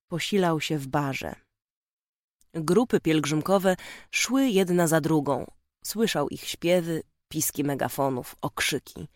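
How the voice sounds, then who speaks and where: A narrator reading a novel in a calm, measured storytelling voice. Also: medium pitch, dry recording, clean studio sound. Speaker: audiobook narrator. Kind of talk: scripted narration.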